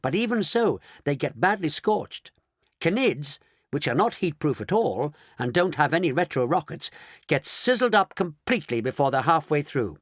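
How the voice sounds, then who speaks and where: A man voicing an eccentric, excitable male chocolate maker, speaking in a theatrical, exclamatory way. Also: a little high, moderate pace, no echo, studio quality. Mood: explaining eagerly.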